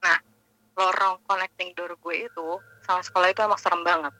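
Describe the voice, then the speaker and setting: A woman calling in over the phone, telling a personal ghost story in a halting casual way. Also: fairly low pitch, level tone, bright, forceful tone, rough recording. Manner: halting, searching for words. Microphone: phone call.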